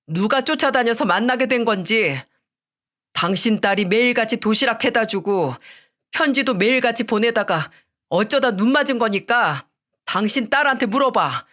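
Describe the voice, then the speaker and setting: A woman's voice: fairly high pitch, lively intonation, moderate pace, a bit bright. Woman reading a young man, lawyer son, firm and resolute. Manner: firm, decisive.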